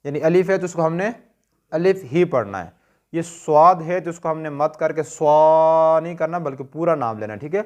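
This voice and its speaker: A man's voice: on the high side, moderate pace, darkish tone. A man with a Pakistani Urdu accent teaching a tajweed lesson, patiently asking questions and answering them himself. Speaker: Quran recitation teacher.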